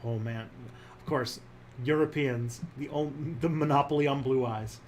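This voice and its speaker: A man hosting a casual livestream chat, animated and jokey, rambling with many fillers. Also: mid-range voice, measured pace, slight background noise. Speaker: host.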